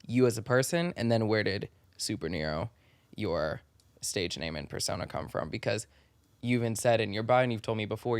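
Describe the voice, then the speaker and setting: A man hosting a podcast, talking in an easy, effusive way and tossing in casual slang. His voice is clear and resonant, with a mid-range pitch. The sound is dry and close. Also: dry recording. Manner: effusive and chatty, uses slang. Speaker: podcast host. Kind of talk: casual interview chat.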